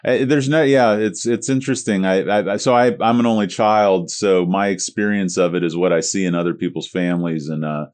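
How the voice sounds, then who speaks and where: A podcast host in his forties with a very deep voice, talking things through in a relaxed, reflective way. He asks his guest probing questions and thinks out loud as he goes. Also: brisk, few pauses. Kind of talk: casual interview chat.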